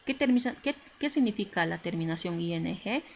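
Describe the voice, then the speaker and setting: A woman's voice: on the low side, animated, fairly quick. A woman teaching English grammar in a recorded lesson, explaining patiently step by step and checking in with her students. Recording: slightly muffled lo-fi recording with faint hiss.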